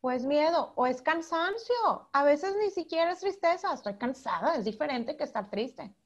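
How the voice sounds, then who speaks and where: A woman's voice: high-pitched, expressive, moderate pace, dull audio. A Mexican woman psychologist explaining emotions in an interview, acting out quoted speech as she talks. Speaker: psychologist guest. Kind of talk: interview answers.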